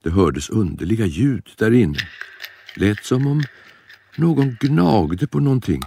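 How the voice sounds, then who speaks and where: A man narrating a children's storybook in an animated, expressive way. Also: fairly low pitch, creaky, slight background noise.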